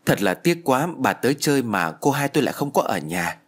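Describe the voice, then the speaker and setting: A man's voice: medium pitch, big pitch swings, a little fast. A man voicing a cheerful, polite male household servant in an audio ghost story. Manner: smiling, polite.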